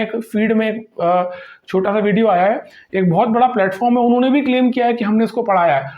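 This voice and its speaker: Earnest high-voiced teacher, echoey. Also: male voice, a little mellow. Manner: earnest, lecturing, rhetorical questions. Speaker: exam coaching teacher. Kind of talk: earnest direct-to-camera talk to students.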